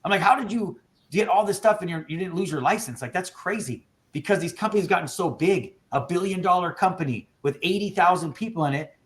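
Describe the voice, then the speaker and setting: Speaking fairly quickly in a high-sitting voice, this man is pumped up as he trains his insurance agents on a video call. He owns the agency and keeps it casual, calling them "dude" and "bro."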